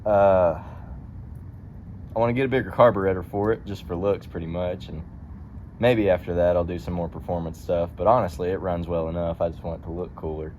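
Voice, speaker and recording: A laid-back, folksy vlogger rambles to camera in and around his truck, chatting about the vehicle in a kinda low, steady voice at a fairly quick pace. He talks colloquially, with "ain't" and "them." The lo-fi sound is dull and muffled, with lots of vehicle noise and car and outdoor ambience.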